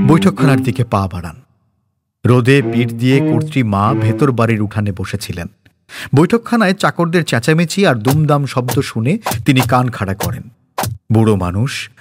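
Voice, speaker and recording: A man narrating a cartoon story in a lively, expressive reading style. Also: mid-range voice, a little hiss or hum. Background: background music.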